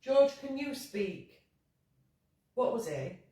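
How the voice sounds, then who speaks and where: A woman on a ghost hunt coaxes spirits to speak in a soft, patient way. Her voice sits a little high, and it rings around a very echoey cellar while she stands off from the mic. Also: big pitch swings, takes it slowly. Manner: gentle coaxing, calls spirits sweetheart. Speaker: paranormal investigator. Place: pub cellar. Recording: very echoey room from far off.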